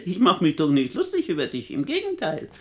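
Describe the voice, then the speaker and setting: An older actress plays a bedridden, wealthy old widow in a 1960 German radio play, imperious, teasing and dryly mocking in articulate speech. Her fairly low voice swings hugely in pitch, and she speaks briskly.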